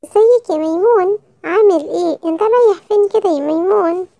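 A woman's voice: very high-pitched, a little fast, warm tone, dry recording, highs cut off. A woman voicing a cheerful, sensible young boy lion cub with an Egyptian Arabic accent in a children's storybook. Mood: friendly. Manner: friendly, earnest.

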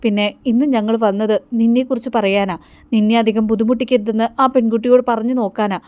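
A woman's voice: on the high side, steady tone, fast, a little mellow, no echo, lightly acted. A woman voicing a worried older uncle who earnestly pleads with his nephew. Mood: pleading.

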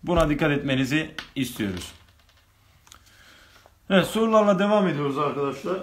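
A man's voice: on the high side, lively intonation, a little fast. A male teacher running an online grammar lesson, reading exam questions aloud and working through each answer step by step with his students.

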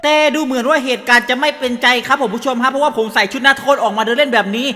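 High-voiced, excitable male gaming commentator. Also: racing, a little hiss or hum. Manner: excitable, laughs often, crude slang. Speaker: gaming YouTuber. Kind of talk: playful gameplay commentary. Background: background music.

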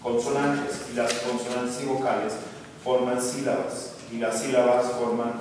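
Man teaching class real slow, far off mic, super echoey room, faint noise. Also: medium pitch, flat delivery. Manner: slow, deliberate, leads drills. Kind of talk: classroom instruction.

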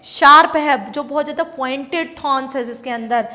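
A woman with a high voice and an Indian accent teaches English vocabulary. She explains patiently, asking questions and answering them herself. She talks to her students in a warm, teacherly way. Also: a little fast. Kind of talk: classroom vocabulary lesson.

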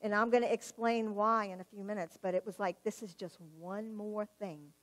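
A woman's voice: mid-range voice, normal speed. A woman giving a personal testimony in church, telling her story vividly and acting out the dialogue. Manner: animated storyteller, acts out quoted dialogue, laughs at herself.

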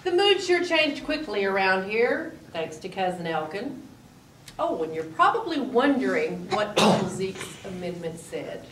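A woman's voice: mid-range voice, a little slow, slight background noise. A woman playing a chatty, confiding city woman in an amateur church play. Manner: lively, confiding, amused. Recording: roomy hall, mic far off.

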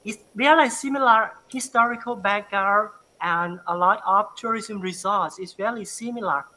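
A man from northeastern Thailand with a Thai accent, a university lecturer presenting his research and answering questions on a video call, halting and repeating words as he searches for them. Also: high voice, pushed and bright, low-quality recording. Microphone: video call webcam.

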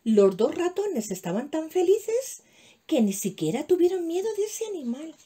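A woman tells a children's story, lively and playful, with hushed asides to the children. Her voice sits high and leaps all over its range. The tone is warm and mellow. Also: normal speed. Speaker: preschool teacher.

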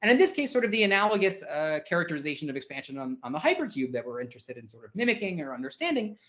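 A man's voice: fairly high pitch, very animated, racing, fairly bright tone. Man giving an informal math lecture. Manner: informal, hedging with "sort of" and restarts. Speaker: invited speaker. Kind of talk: academic seminar lecture.

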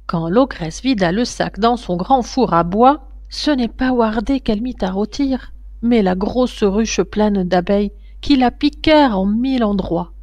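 Woman storyteller for a children's tale, unhurried and lively in melody, dry close sound. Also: mid-range voice, no echo. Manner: slow, expressive storytelling. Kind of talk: reading a children's tale aloud.

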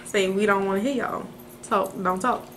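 A woman's voice: medium pitch, steady tone, moderate pace, a bit bright, slight background noise. A young woman, chatting playfully as co-host while eating. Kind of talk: casual chat while eating.

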